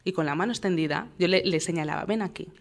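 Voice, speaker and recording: A young adult woman, a guest expert, calmly and patiently explaining parenting with everyday examples. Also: low-pitched, fast, gravelly. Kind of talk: explanatory interview talk.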